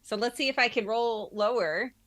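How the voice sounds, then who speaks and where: A woman's voice: on the high side, moderate pace, a bit bright, dry recording. A woman playing a tabletop game, chatting casually and jokingly with the other players.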